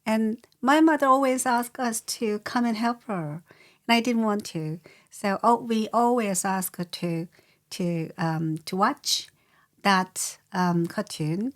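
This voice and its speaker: Older woman, Korean accent, slow unhurried speech, hesitant with fillers, mid-pitched voice, interview guest. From South Korea. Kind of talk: casual interview.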